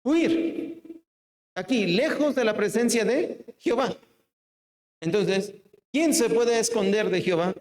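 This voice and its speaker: High-voiced Mexican preacher in a roomy hall. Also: male voice, unhurried. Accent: Mexican Spanish. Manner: rhetorical questions, drops low and soft for emphasis. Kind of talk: evangelical sermon.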